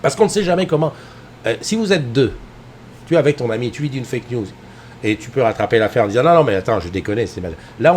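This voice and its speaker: A middle-aged man talking at mid pitch as he hosts a casual live stream from his home. He rambles with animation, stumbles through restarts and fillers, and calls out to viewers by name. A faint hiss sits under his voice. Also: darkish tone. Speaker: host of a live morning show. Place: indoors at home, with a TV behind him.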